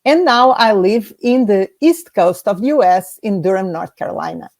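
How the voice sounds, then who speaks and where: A woman from Portugal walks through her slides in a measured, orderly way. Her pitch moves a lot as she goes through each list. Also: lively intonation, gravelly, darkish tone. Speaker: guest scientist presenting. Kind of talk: prepared slide presentation.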